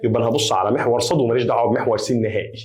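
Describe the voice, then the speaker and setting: Fast-talking Egyptian math teacher. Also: male voice, medium pitch, fairly even intonation, a little mellow. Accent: Egyptian Arabic. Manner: chatty, addresses students as "ya basha"; repetitive, emphatic. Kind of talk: energetic whiteboard lesson.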